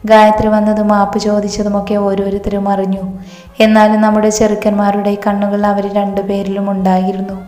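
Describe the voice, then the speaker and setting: A woman reading a story aloud in a calm, measured way. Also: mid-range voice. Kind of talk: scripted story narration. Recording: roomy hall reverb, faint music.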